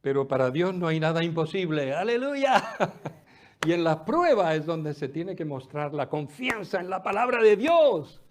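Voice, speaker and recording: A middle-aged man preaching a sermon, swinging loud exclamations to hushed, almost whispered asides. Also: on the high side, moderate pace. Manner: lively preaching with sudden drops to near-whisper. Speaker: pastor.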